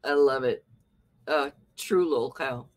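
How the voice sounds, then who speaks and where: A man's voice: medium pitch, slow. Sarcastic man hosting a commentary. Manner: sarcastic, scolding. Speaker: commentary channel host. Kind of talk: casual reaction commentary.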